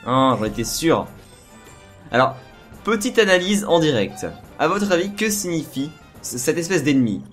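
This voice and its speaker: A man with a hoarse, worn-out voice giving casual, excited gameplay commentary and repeating words in quick bursts. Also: a little high. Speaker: let's play host. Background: video game music.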